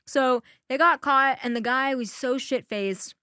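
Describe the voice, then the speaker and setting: A young woman from New York tells stories on a podcast, casual and animated. She swears freely and leans on "like" as she goes. The sound is close and dry, with nothing behind her. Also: high-pitched, unhurried, clear, resonant tone, no echo. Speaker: comedian guest.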